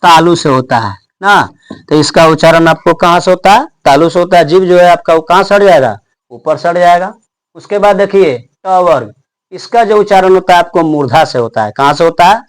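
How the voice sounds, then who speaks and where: A young male teacher, giving a classroom lesson. He asks questions and answers them himself, and slows down to sound out each letter. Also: high voice.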